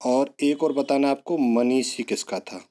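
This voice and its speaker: A man's voice: mid-range voice, a little slow, mellow. A male teacher giving an online exam-prep lesson, repeating words and coaxing students along with memory tricks.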